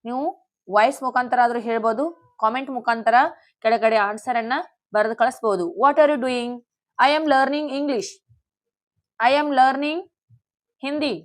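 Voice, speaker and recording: A woman teaching spoken English in a slow classroom manner, spelling out words letter by letter for learners to repeat. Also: on the high side, steady tone.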